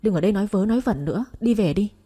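A young husband, read by a woman narrator argues firmly and with rising exasperation. The tone stays mellow and a little husky, in an audio storybook. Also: mid-range voice, lively intonation, racing. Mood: exasperated. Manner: firm, exasperated pleading. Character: firm young husband defending his wife.

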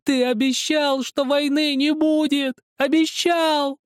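A man voicing a distraught young village boy in an audiobook, with shrill, sobbing shouts. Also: quick pace, dry recording, studio quality. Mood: furious, sobbing. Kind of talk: audiobook character voice.

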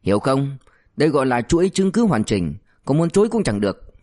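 A man's voice: mid-range voice, big pitch swings, brisk, a little mellow. A man voicing a cynical male cop who threatens and mocks a suspect. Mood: threatening. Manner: mocking, threatening, crude. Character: cynical, bullying male cop, sly and menacing.

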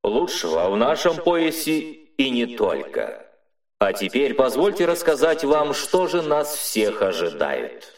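A man's voice: mid-range voice, huge pitch swings, a little slow, pitched above the performer's own voice. A man reading an audiobook voices a male tournament announcer whose voice is magically amplified, declaiming formal announcements to the crowd. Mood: announcing. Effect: magically amplified voice, roomy and distant. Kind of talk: audiobook narration with voiced characters.

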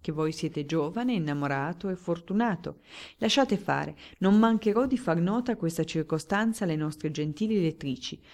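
A woman's voice: fairly low pitch, lively intonation, moderate pace, a little mellow. A woman doing a glib, declaiming male journalist. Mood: eager. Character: talkative, flattering male newspaper journalist. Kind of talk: audiobook character reading.

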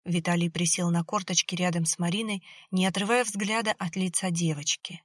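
A woman reading an audiobook in an even, measured scripted narration. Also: lowish voice, dry recording.

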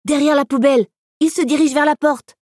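Brief: yappy, excited boy puppy, very high, read by a woman. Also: fairly quick, no echo, clean studio sound, close to an everyday voice. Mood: excited yelp. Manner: yelping, excited. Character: excitable young male puppy.

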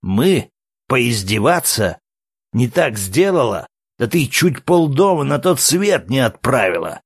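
An explosive, blunt man bursts out in loud, cutting anger, as a male audiobook reader plays him. His delivery is lively and dry, close to the mic. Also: mid-range voice, slow pace, breathy edge, no echo, voice pushed up, exaggerated voice. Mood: furious. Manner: shouting angrily, curt. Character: hot-tempered red-haired male violinist, blunt.

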